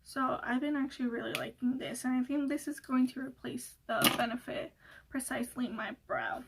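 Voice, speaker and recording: A young woman with a high voice talks casually to her viewers in a relaxed Q&A. She rambles and restarts her sentences, fills pauses with fillers, and laughs easily. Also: vocal fry, very noisy. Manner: giggly, laughs often. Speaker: beauty vlogger. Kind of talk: casual Q&A chat.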